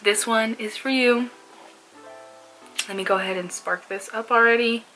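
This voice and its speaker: A woman's voice: fairly high pitch, steady tone, normal speed, sharp tone, soft background music, poor audio. A young woman chatting casually in a laid-back, slangy stoner manner, as in a smoke-along vlog. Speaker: small YouTube vlogger.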